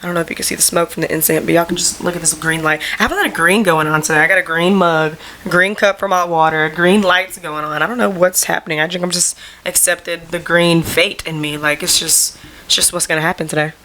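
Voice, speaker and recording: Young adult woman, solo podcast host at home: low-ish pitch with a bright tone, chatty, rambling, slangy. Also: fairly even intonation, fast talker. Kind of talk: casual solo podcast chat. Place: at home in front of a camera.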